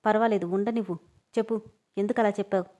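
A woman reading the part of a gruff, bossy young man in a storybook, with sharp, commanding lines. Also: medium pitch, fairly even intonation, fast, lightly acted. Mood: stern.

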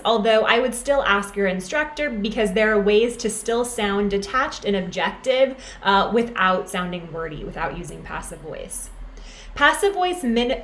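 A woman explaining writing grammar as an instructor, in a clear teaching manner and often asking "right?". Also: mid-range voice, a bit bright, slight background noise. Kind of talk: lecture over slides. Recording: roomy echo, faint background ambience.

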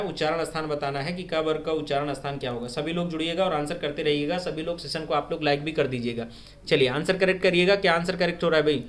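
A man teaching a live online grammar quiz, repeating each question and urging viewers to comment their answers fast. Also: on the high side, fairly bright tone. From India. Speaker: online exam-prep teacher. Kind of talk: live-stream Hindi grammar quiz lesson.

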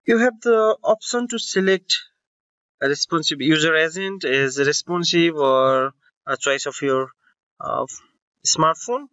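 A man's voice: fairly high pitch, unhurried, a bit bright, no room sound, dull audio. A man narrating a screen-recording tech tutorial, explaining step by step with fillers and self-corrections.

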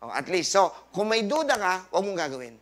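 Bright-voiced doctor preaching health. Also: male voice, high voice, big pitch swings, a little fast. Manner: preachy, asks rhetorical questions, quotes scripture; jokey asides, mixes English into Tagalog. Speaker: doctor hosting a health forum. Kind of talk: lecture to a live audience. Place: live forum in front of an audience.

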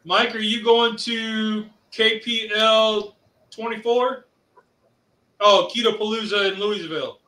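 A man's voice: sits high, fairly even intonation, takes it slowly, bright, forceful tone. A man from Ohio co-hosting a casual livestream, chatting and reading out viewer comments with lots of fillers. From Ohio, USA. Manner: chatty, hesitant, many fillers. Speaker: co-host reading viewer chat. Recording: roomy, mic at a distance.

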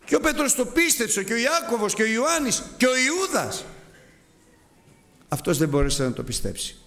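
Animated male preacher in a reverberant hall. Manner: animated, swings from high exclamations to low asides, acts out quoted voices. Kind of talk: sermon on a Gospel passage.

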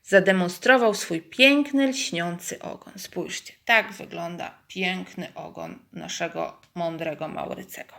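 A woman reading a picture book aloud to young children, pausing to explain things to them. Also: lowish voice, vocal fry. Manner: lively, acts out animal voices, asides to kids. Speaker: children's storyteller.

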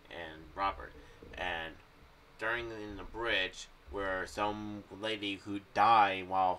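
A young YouTube vlogger thinks aloud about a horror audio series, casual and rambling, pausing and repeating as he goes. His voice is fairly low but bright and forward. Though he uses a condenser mic with pop filter on a boom arm in a small home room, he sounds somewhat far away, with faint background noise.

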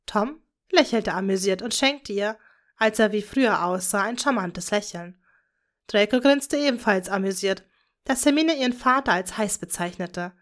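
A woman narrating a fan fiction story aloud in a calm, even reading manner. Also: mid-range voice, moderate pace.

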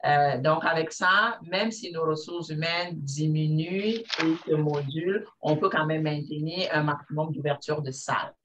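A woman's voice: sits low, a little slow, few pauses, a bit bright, muffled recording, a little hiss or hum. Quebec-accented woman presenting from a distant mic. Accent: Quebec French. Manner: explanatory, with frequent fillers and restarts. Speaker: hospital operating room manager. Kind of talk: seminar presentation.

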